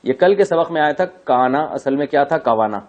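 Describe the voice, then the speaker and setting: Guy teaching arabic grammar in a class, kinda high voice, stretches out the words, cracks jokes, muffled recording. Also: expressive. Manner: drawn-out, deliberate recitation of Arabic words, joking asides. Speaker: Quran teacher. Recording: dull, muffled lecture recording.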